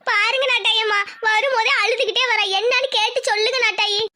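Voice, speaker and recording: Woman doing a worried village mom in a cartoon, pleading, really high. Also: steady tone, a little fast, bright, forceful tone, no echo. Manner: pleading, fretful. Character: worried village mother, middle-aged woman.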